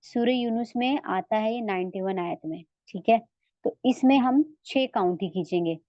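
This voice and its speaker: A woman's voice: a little high, moderate pace, mellow, no echo, muffled recording. A woman with an Urdu accent teaching a Quran recitation lesson online, patiently asking her students whether they follow and stretching out the sounds she demonstrates. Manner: patient, asks checking questions.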